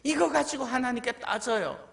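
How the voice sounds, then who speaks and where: A male pastor preaching to his congregation, tossing them questions and acting out quotes as he goes. His voice sits high and swings widely in pitch. He sounds animated and engaging. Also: normal speed, vocal fry. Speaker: senior pastor. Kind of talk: sermon. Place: church sanctuary.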